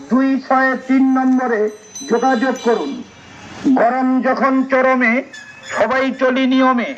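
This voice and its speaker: A man reading a formal public health announcement in measured short phrases, played over an outdoor loudspeaker. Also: very high-pitched. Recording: dull lo-fi sound with faint noise.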